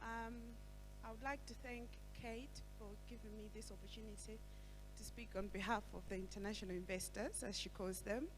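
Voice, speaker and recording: A woman's voice: medium pitch, fairly even intonation, brisk. Hesitant woman speaking in an echoing hall. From Malawi. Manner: hesitant, many ums. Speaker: guest speaker. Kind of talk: speech to an audience. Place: event venue hall. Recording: reverberant hall with faint hum.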